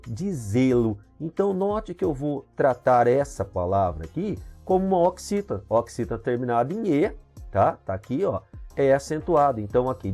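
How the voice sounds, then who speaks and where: A man with a Brazilian Portuguese accent teaching a grammar lesson, explaining step by step and often checking in with "tá?" and "ok?". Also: medium pitch. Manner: lively explaining with many "tá?" and "ok?" checks. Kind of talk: recorded video lesson.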